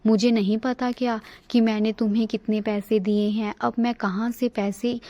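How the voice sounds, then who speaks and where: A stern mother-in-law who scolds and threatens her daughter-in-law, as a woman reads her part in a bedtime storybook. She speaks in a flat, even tone with a mellow, dark voice. The recording is dull and lo-fi. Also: fairly high pitch, normal speed, no room sound, natural voice. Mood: scolding.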